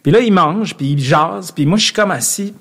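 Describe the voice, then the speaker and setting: A man's voice: high-pitched, normal speed, fairly bright tone, a little hiss or hum. A man with a Québécois French accent, a podcast guest telling a long, self-mocking story in casual chat with frequent restarts and laughter.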